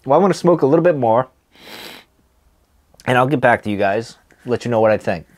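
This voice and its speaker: A man's voice: medium pitch, lively intonation, brisk, a little mellow. A man in his thirties chatting casually to the camera as he reviews tobacco, laid-back and hesitant, trailing off between puffs on a cigar. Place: small wood-paneled room, indoors.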